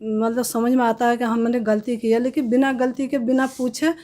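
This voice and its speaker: A woman telling her own life story as a testimony in an interview, in a plain, halting way with many restarts. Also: a little high, flat delivery, warm tone. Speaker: testimony giver.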